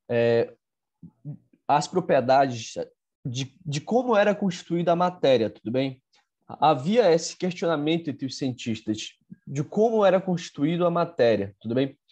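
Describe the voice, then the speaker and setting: A man teaching an exam-prep chemistry lesson, halting with fillers and asking "tudo bem?" after nearly every phrase. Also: a little high, darkish tone.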